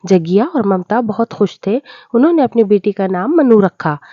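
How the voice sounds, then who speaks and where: A woman narrating a moral story in a steady, plain storytelling way. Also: mid-range voice, normal speed, dry recording, dull audio.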